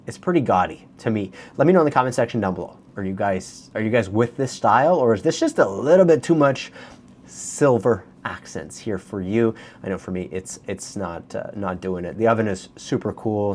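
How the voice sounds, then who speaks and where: Speaking in Canadian English at a fairly low pitch with a darkish tone, a man gives viewers a relaxed, conversational tour of property listings. He talks right to the audience, and there's a little hiss or hum in the recording.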